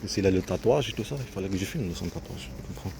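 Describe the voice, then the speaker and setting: A man's voice: sits low, lively intonation, fast talker, gravelly. A man vlogging outdoors on a phone, talking in an agitated, rambling way with many restarts. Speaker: vlogger seeking an internship. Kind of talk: casual vlog monologue. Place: outdoors in the street, looking for shade. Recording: loud outdoor street noise.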